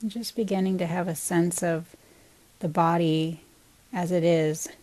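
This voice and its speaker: A woman with a fairly low pitch leads a body scan meditation as a teacher. She is calm and gentle, never rushing, and leaves pauses after each short phrase.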